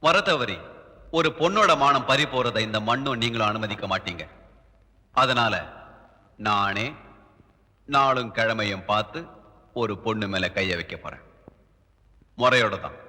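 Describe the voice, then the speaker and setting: An actor playing an arrogant, scheming male rival who speaks in a slow, menacing, mocking way. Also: medium pitch, sharp tone, long reverb tail, exaggerated voice. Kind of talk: 1990s film drama dialogue.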